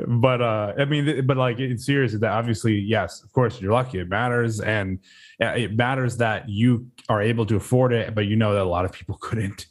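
Low-voiced joking podcast co-host. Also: male voice, steady tone. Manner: joking, halting restarts, then opinionated. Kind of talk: casual chat.

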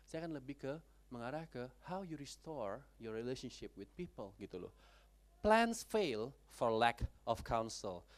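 A man preaching a sermon in a church. He tells casual stories, switches between languages, swings his pitch widely and bursts out loudly. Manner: animated, code-switching, with big pitch swings and loud outbursts.

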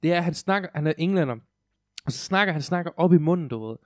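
A young man in relaxed conversation, getting animated and tripping over his own restarts. He throws English words into his talk now and then. The recording is close and dry, with no room sound. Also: fairly high pitch, dry recording. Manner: animated, stumbling restarts, mixes English into speech. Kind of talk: casual chat.

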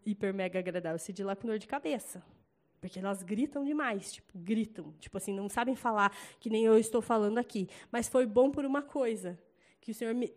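A young Brazilian woman with a Brazilian Portuguese accent giving a casual, chatty church testimony and acting out loud quotes. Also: a little high. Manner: chatty, animated storytelling with loud acted quotes.

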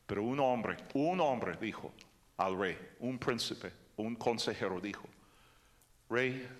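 An older man preaching a sermon as pastor, animated and joking with the congregation. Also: lowish voice, big-room sound.

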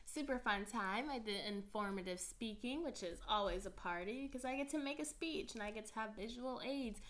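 A woman's voice: on the high side, moderate pace, a bit bright. A woman hosting her own podcast in a bubbly, chatty way, apologetic and self-mocking, full of filler words. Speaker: podcast host. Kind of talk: casual chat.

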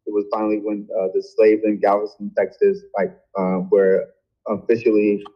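A man's voice: on the low side, level tone, normal speed. A man joining a casual group discussion over a poor, unclear online call, talking hesitantly with many fillers and restarts. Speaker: discussion participant. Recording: muffled lo-fi call audio.

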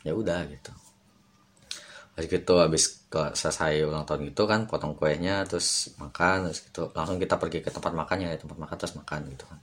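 A young male podcast host tells a personal story in a casual, rambling monologue, slangy and full of fillers. His very deep voice is steady and a bit bright, moving at a quick pace.

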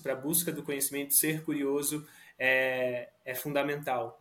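A man's voice: medium pitch, fairly bright tone. A Brazilian man speaking as a podcast guest in a casual, reflective conversational way. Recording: roomy echo.

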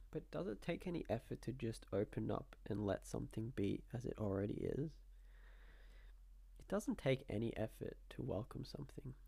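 A man leading a guided relaxation like a slow hypnotist, gently repeating permissive prompts with pauses. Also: medium pitch. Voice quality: creaky, gravelly. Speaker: guided meditation teacher.

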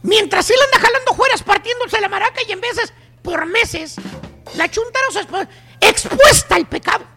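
A man's voice: very high-pitched, moderate pace, creaky, pushed and bright, faint music behind. A man with a Mexican accent hosting a radio show, telling a comedic story in a slangy, teasing, emphatic way. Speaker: radio host.

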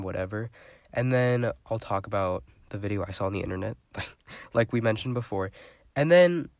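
This solo podcast comes from a young man with a lowish, congested, stuffy-sounding voice, recorded with no echo. He talks casually and rambles, chatting away with lots of filler words.

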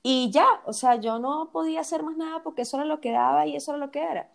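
A woman with a Venezuelan accent telling personal stories in casual chat, animated and frank. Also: high-pitched, quick pace, creaky. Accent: Venezuelan Spanish. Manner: animated storyteller, many fillers and restarts.

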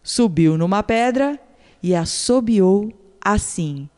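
A woman narrating a children's fable in an expressive storytelling manner. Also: medium pitch, slow pace. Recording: long hall reverb.

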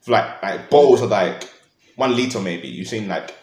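A man's voice: on the low side, expressive, normal speed, darkish tone, a little hiss or hum. A young man with a London accent, chatting casually in informal slang. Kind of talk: casual chat. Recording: roomy, echoey sound.

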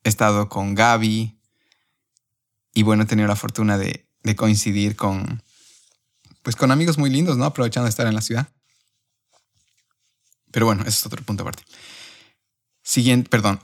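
A young man on a podcast, telling a personal story in an emotional, animated way. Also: lowish voice. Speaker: podcast host.

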